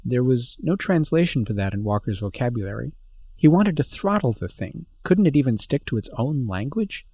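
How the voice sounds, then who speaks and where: A man reading a science fiction story aloud as narrator, in a steady, measured way. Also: medium pitch, breathy edge, no echo.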